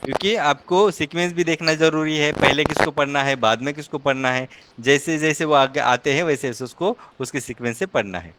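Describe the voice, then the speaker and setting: A man teaching a one-on-one reading lesson, patiently explaining letter by letter and repeating each word slowly. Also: fairly high pitch, fairly bright tone, a little hiss or hum. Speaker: language teacher.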